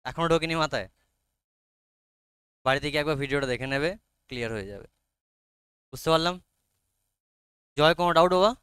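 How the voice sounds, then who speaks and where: A man's voice: fairly high pitch, a bit bright, clean tone, no echo. A man with a Bengali accent teaching a literature class, explaining each line and checking often whether his students follow. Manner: reads English lines very slowly.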